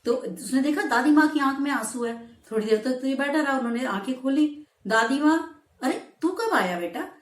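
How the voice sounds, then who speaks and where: A woman's voice: high voice, moderate pace. A woman teacher reading a textbook story aloud and explaining it in plain words, acting out quoted lines. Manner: reads passages, then explains in plain words; acts out quoted lines with raised voice. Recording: echoey room.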